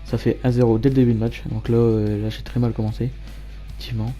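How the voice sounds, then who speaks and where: A man giving matter-of-fact play-by-play commentary as a gamer over his own match highlights. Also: level tone, quick pace, mellow, soft background music. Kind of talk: gameplay commentary.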